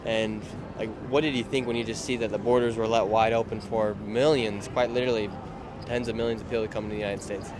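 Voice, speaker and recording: A man's voice: lowish voice, little pitch movement. Upbeat male street interviewer. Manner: upbeat, quick to react. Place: city street at night. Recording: noisy street with traffic.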